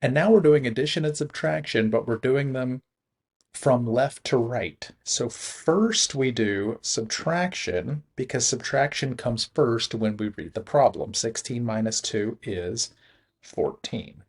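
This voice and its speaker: A man teaching a recorded math lesson, talking through the steps in a relaxed way and chuckling at his own slips. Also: medium pitch, slow pace, slightly rough.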